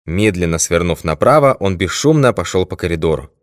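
A man reading a novel aloud as an audiobook narrator, evenly and measured. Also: deep voice, expressive, no room sound, clean studio sound. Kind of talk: scripted narration.

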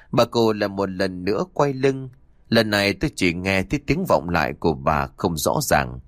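Man, low voice, lively intonation, dry close sound, horror story narration. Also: no echo. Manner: slow, dramatic storytelling. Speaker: audiobook narrator.

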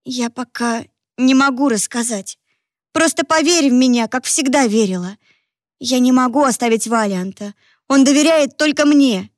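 A woman's voice: high-pitched, normal speed, no echo, clean studio sound, voice pushed up, natural voice. A woman voicing a resolute young daughter, earnest. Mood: urgent. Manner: earnest, pleading.

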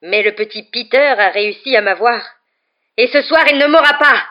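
A woman's voice: medium pitch, normal speed, muffled recording, voice pushed up, close to an everyday voice. A woman voicing a gaunt, vengeful male escaped prisoner, growling and fierce, in a storybook reading. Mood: snarling.

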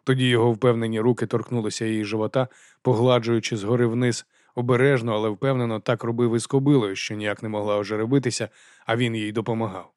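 A man narrating a first-person fantasy audiobook in a measured, quiet storytelling voice. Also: mid-range voice, steady tone, dry recording, studio quality.

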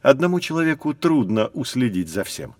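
In a scripted audio drama for children, an actor voices a male professor who knows his prehistory and explains it as their guide. His natural, medium-pitched voice is darkish and brisk, with big swings in pitch, captured in a dry recording. He comes across as patient, lecturing and explanatory.

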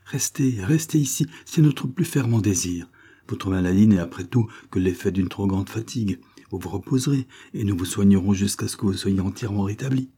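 Male reader voices a warm, insistent young wife; husky, dark tone. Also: lowish voice, a little fast. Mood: solicitous. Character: kind young wealthy wife and mother.

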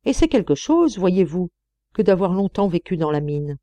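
A woman's voice: lowish voice, very animated, moderate pace, dark tone, no room sound. A woman voicing a young male miner who speaks in an earnest, respectful way.

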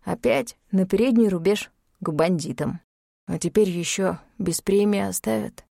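A woman's voice: medium pitch, moderate pace, gravelly, warm tone, dry recording, studio quality. A woman voicing a cheeky, fibbing man who talks in folksy slang and wheedles and pities himself. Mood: plaintive. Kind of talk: audiobook character voice.

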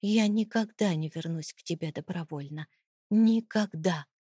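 A woman's voice: fairly low pitch, a little slow, dark tone, husky, no room sound. A desperate young mother, as a woman narrator plays her, defiant yet shaken, her voice pressing between pleading and refusal. The reading is dry and close to the mic. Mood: desperate defiance. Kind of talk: audiobook character reading.

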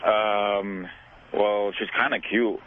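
A man's voice: lowish voice, little pitch movement, slow pace, crowd noise. A man, calling into a radio show, hesitant and full of fillers. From Syria. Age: 20s. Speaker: caller. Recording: tinny phone line.

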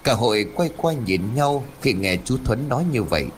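A man reading a ghost story audiobook aloud, voicing each villager with his own shifts of pitch and pace. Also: lively intonation, moderate pace, a little hiss or hum. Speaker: audiobook narrator.

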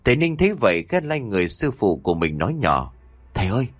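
A man narrating an audio ghost story with expressive storytelling. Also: fairly low pitch, fast talker, no room sound.

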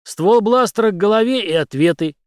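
A man voicing a gruff, hardened soldier captain who talks in curt, grim lines. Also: sits high, expressive, a little fast, dry recording, clean studio sound, voice pushed up.

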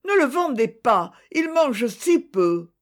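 An eager little farm girl from a storybook pleads in a raised, bright, lively voice, as the reader puts her on. Her pitch climbs well above the narration and swings widely as she begs. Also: slow pace, full character voice. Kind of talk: storybook reading.

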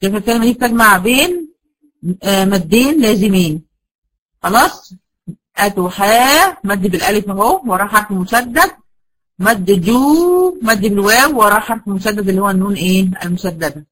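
An Egyptian woman gives a classroom lesson in Quran recitation. She keeps putting questions to her students and answering them herself, and she stretches out the key terms slowly. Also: medium pitch, animated, fairly bright tone, low-quality recording. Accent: Egyptian Arabic. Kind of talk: classroom lecture.

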